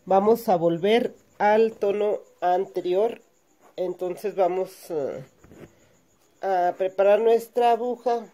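A woman's voice: mid-range voice, warm tone. A woman giving a patient step-by-step hand embroidery lesson, explaining each stitch as she works. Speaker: embroidery teacher.

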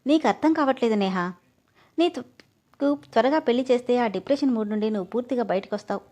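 A woman's voice: a little high, quick pace, warm tone, natural voice. A woman voicing a worried, insistent father in a read-aloud story. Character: worried father, pressing and weary.

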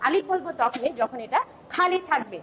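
A woman with a Bangladeshi Bengali accent teaches an online class in a high, animated voice, with a crowd audible behind her. She calls out letters one by one in a slow, drilled recitation, asking her pupils questions along the way.

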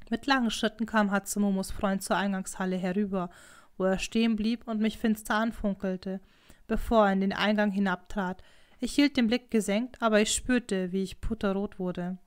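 A woman reading an audiobook in calm, scripted narration. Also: medium pitch, moderate pace, smooth. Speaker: audiobook reader.

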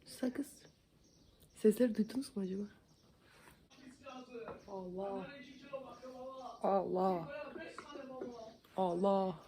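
Speaking slowly with frequent pauses, a young woman from Van, Turkey, uses a dark, mid-range voice as she does her makeup indoors at home. In this casual vlog she chats with viewers, joking around and teasing herself.

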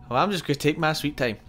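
A man's voice: fairly high pitch, fairly bright tone. A man chatting casually during a co-op game, laughing often and swearing as he teases his friends. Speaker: gameplay streamer. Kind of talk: casual co-op gaming chat.

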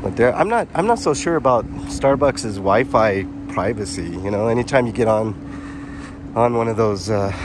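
A man talks casually to his viewers while walking a city sidewalk, rambling from thought to thought in a lowish voice. He records on a handheld camera mic, and traffic noise is clearly heard around him. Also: expressive, normal speed. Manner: rambling, chatty, addresses viewers directly with fillers. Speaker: vlogger. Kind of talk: casual walking vlog narration. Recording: street traffic noise behind.

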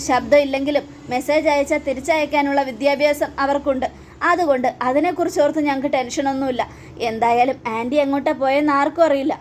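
A woman's voice: sits high, fairly even intonation, quick pace, slight background noise, lightly acted. A woman voicing an angry, suspicious young man who demands answers in an accusing way.

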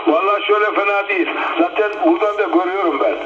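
A man's voice: sits high, racing. A man chatting casually as a CB radio operator, his voice coming over a walkie-talkie. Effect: heard over a CB walkie-talkie. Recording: very noisy, echoey, muffled, distant CB radio.

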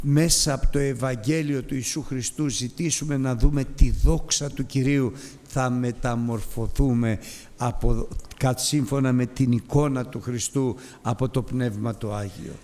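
A man's voice: medium pitch, darkish tone, long reverb tail. A man preaching a sermon with an impassioned, emphatic delivery that rises and repeats its phrases.

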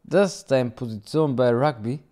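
A man's voice: medium pitch, moderate pace, mellow, a little hiss or hum. A young man judging on a panel, talking in casual street slang with a teasing, joking manner. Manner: slangy, teasing, addresses others as brother and cousin. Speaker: panel judge.

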